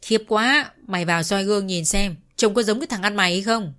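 A woman playing a scornful older brother, shouting contempt at his sibling. He is loud and cutting, in a read-aloud family story. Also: medium pitch, a little fast, natural voice. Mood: scornful angry.

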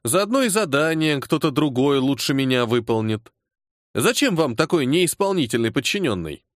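A man's voice: mid-range voice, sing-song, moderate pace, no room sound, clean studio sound, natural voice. A man voicing a hot-tempered major in his forties who speaks in clipped, caustic tones while holding back anger. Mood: restrained anger. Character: angry disciplined male major, forty-two, hot-tempered.

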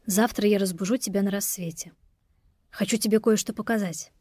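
A woman voicing a calm, steady young man who speaks tersely. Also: medium pitch, brisk, dry recording, clean studio sound, close to an everyday voice.

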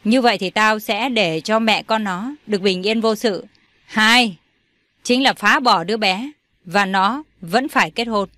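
A woman's voice: mid-range voice, measured pace, a bit bright, dry recording, natural voice. A woman voicing a domineering old father in an audio story, harsh and commanding. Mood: scornful. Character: furious old male patriarch, domineering father.

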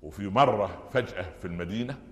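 A man with an Egyptian Arabic accent preaching a Friday sermon, telling stories with animated emphasis and frequent restarts. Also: on the low side, fast. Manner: animated storytelling, stressing key phrases, frequent restarts. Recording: echoey hall with long reverb.

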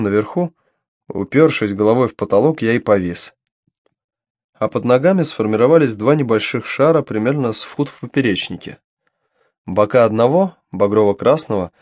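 Low-voiced man narrating an audiobook. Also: a little mellow, no room sound. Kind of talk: first-person fantasy audiobook narration.

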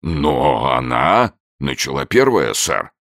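A nervous, apologetic zookeeper, acted by a man, whose voice jumps high above the narrator's deep tone. He fusses and pleads in quick, worried bursts, with a gravelly catch underneath. The sound is dry and close, as in a storybook reading. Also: sing-song, fairly bright tone, no room sound, exaggerated voice. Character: flustered, apologetic male zookeeper.

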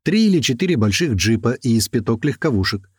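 Male narrator, mid-pitched, dry close-mic read, lively character switches. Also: fairly quick, slightly rough, no echo. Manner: lively, raising pitch and shouting for quoted characters. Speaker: audiobook narrator. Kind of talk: first-person audiobook narration with character voices.

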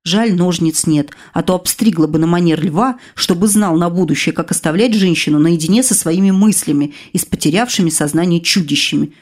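A woman narrating a first-person fantasy audiobook in an expressive reading style, voicing the heroine's outbursts with sharp jumps in pitch. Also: fairly quick, hardly any pauses.

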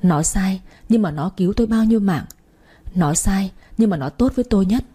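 A woman's voice: medium pitch, lively intonation, brisk, mellow, husky. Woman narrating a dramatic story. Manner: dramatic, emotional reading. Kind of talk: first-person audiobook narration.

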